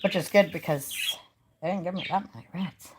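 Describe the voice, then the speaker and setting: A woman's voice: fairly low pitch, moderate pace, noisy background. A woman chatting casually on a live stream and talking straight to her viewers in a folksy, easygoing way. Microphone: phone.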